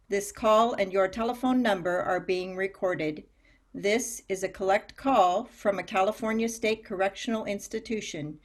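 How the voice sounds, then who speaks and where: A woman reading a prison phone system's recorded message, flat and formal. Every line comes out like an impersonal announcement, mid-pitched and even. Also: close to an everyday voice. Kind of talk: staged play reading.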